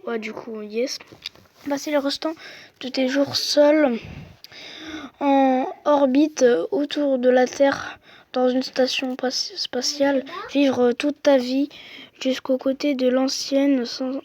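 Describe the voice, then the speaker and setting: Young high-voiced gamer talking to viewers. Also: steady tone, slow, darkish tone, slight background noise. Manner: chatty, slangy, talks to viewers. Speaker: gamer playing a quiz app. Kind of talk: casual gaming commentary. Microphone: phone microphone.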